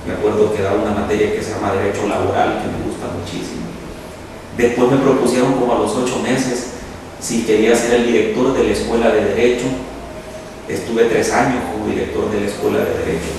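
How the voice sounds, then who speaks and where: A middle-aged Salvadoran man explains things in a measured, professorial way, laying out his points one by one. His voice is heard from some distance in a very echoey room with a long tail of reverb. Clear noise sits behind him. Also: on the low side. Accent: Salvadoran Spanish. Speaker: law professor and university official, interview guest. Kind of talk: explanatory interview answers.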